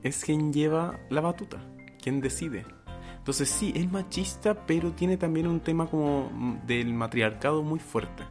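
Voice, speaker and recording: A man's voice: fairly high pitch, a little slow, a little mellow, faint music behind. Rambling young Chilean man, casual chat. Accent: Chilean Spanish. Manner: rambling, searches for words, lots of fillers. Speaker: podcast co-host.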